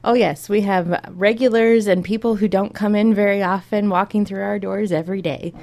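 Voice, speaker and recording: A woman's voice: mid-range voice, steady tone, moderate pace, creaky, darkish tone. A young adult woman from Iowa, a public librarian, talking upbeat and in detail as an interview guest. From Iowa, USA.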